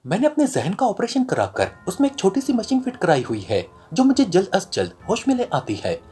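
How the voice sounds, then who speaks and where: A man voicing a stern, sharp-witted male secret agent, reading in a serious tone from an audio novel. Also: high voice, wildly swooping pitch, brisk, soft background music.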